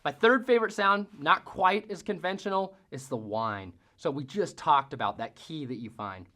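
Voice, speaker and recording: A man's voice: fairly high pitch, expressive, normal speed, bright, forceful tone. A man giving a casual how-to lesson as a hunting-call instructor, talking in a folksy way. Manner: folksy, mimics sounds with vocal demonstrations.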